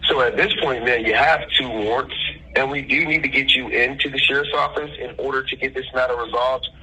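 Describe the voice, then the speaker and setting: Brisk, bright, and forceful, the medium-pitched, husky voice of a man posing as an official comes through a telephone line with faint noise. His tone is steady as he speaks formally and insistently in legal language, calling her ma'am.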